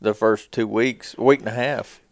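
A man's voice: on the low side, steady tone, a little slow, no room sound. A man telling casual hunting stories in folksy, colloquial speech as a podcast co-host.

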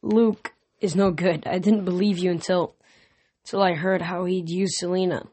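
A woman reading the lines of a shaken, bitter young female demigod in a storybook reading, speaking quietly and unsteadily. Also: fairly low pitch, steady tone, normal speed, husky. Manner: quiet, shaky.

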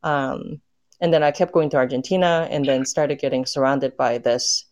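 A woman's voice: rumbling low, normal speed, a little mellow. Thoughtful Korean-born woman musician interviewed. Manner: thoughtful, many fillers and restarts. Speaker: interviewee, tango bandoneon musician. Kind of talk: casual interview conversation.

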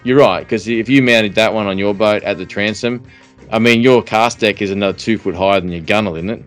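Low-pitched Kiwi man chatting. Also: fairly quick, faint music behind. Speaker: fishing podcast host. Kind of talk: casual chat.

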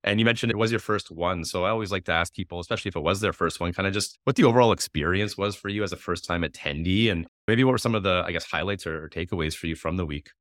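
A man from Winnipeg, Canada, hosting an interview podcast with a hoarse smoker's rasp and a runny nose. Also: deep voice, quick pace, hardly any pauses, fairly bright tone, no echo, clean studio sound. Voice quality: raspy, like a heavy smoker, from a strained throat. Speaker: podcast host.

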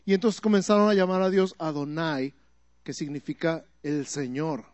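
A man's voice: a little high, fairly even intonation, normal speed, darkish tone, no echo. A man preaching a sermon in a teaching manner, asking the listeners questions and building up emphatic repeated phrases. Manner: rises to emphatic repetition.

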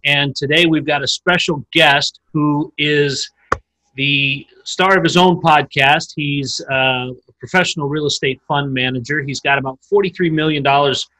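A man hosting a podcast, his voice bright and forward with a somewhat high pitch. He speaks upbeat and emphatic, leaning into his points in a conversational interview. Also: fairly even intonation, normal speed, low-quality recording. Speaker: podcast host.

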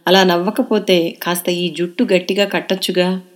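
A woman's voice: on the low side, normal speed, natural voice. A woman voicing a clever, bashful teenage girl in an audio novel. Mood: girlish. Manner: lively, shy.

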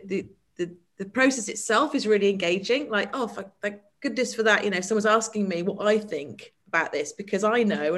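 A woman's voice: medium pitch, fairly bright tone. A woman co-host reflecting aloud in discussion, thoughtful and searching for words with "um" and "you know". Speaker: podcast co-host and author.

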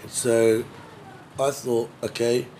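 A man's voice: mid-range voice, level tone, takes it slowly, dark tone, low-quality recording. A man chatting casually as an interview guest, swearing freely in laid-back slang. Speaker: podcast guest, band drummer. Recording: noticeable background noise.

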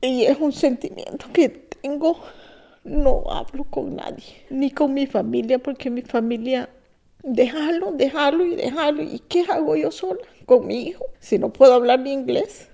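Speaking with a Salvadoran Spanish accent, this woman in her fifties, an immigrant learning English, shares her personal testimony haltingly and softly, sometimes slipping into a whisper. Her voice is high with some vocal fry.

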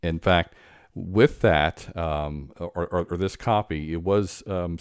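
A man hosting an interview, talking in a halting way with many restarts and fillers. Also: sits low, a little mellow, dry recording, clean studio sound. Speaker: podcast host. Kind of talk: conversational interview.

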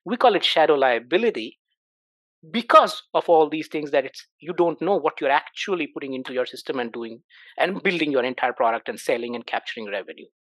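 A middle-aged man speaking as a podcast guest, his pitch swinging widely as he drives his points home. He poses rhetorical questions and answers them himself. The recording is dry and close, with no room sound. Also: fairly quick, dry recording. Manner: animated, emphatic, rhetorical questions. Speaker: startup CEO, podcast guest. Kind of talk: conversational interview answers.

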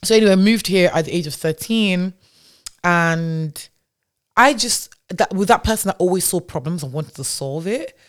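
This Nigerian-raised tech founder chats as a podcast guest, telling stories in a casual interview style full of fillers and restarts. Her voice is fairly low, with lively intonation and a moderate pace.

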